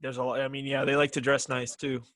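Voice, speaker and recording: A man's voice: medium pitch, level tone, fast talker, crowd noise. A young man hosting a casual podcast chat, laid-back and chatty, swearing and laughing often. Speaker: podcast host.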